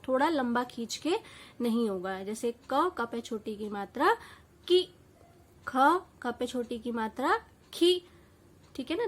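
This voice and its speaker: A woman teacher giving an online lesson to young children, reading words out syllable by syllable in a slow, patient way. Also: on the high side, slightly rough.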